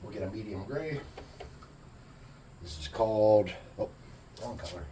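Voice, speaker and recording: Deep, mellow man talking through a hobby tutorial. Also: expressive, unhurried, slight background noise. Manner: laid-back, chatty, jokey while working. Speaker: crafting channel host.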